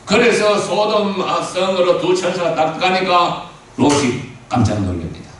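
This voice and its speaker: A man's voice: high voice, lively intonation, a little slow, a little hiss or hum. An older man preaching a sermon, telling the story in a folksy way and acting out the dialogue between characters. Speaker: pastor. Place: church sanctuary. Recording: roomy echoey hall, mic at a distance.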